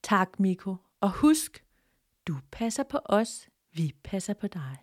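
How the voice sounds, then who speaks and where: A woman's voice: mid-range voice, expressive, no room sound, studio quality, close to an everyday voice. A woman voicing an old talking oak tree that insists, lecturing, that it must not be cut down. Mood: gentle.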